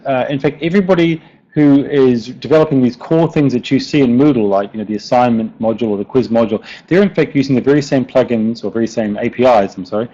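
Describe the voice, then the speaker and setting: In dull, lo-fi online audio, a man with a warm, mid-range voice gives an informal technical presentation. He's a software developer with a broad New Zealand accent who hesitates a lot and repeats words.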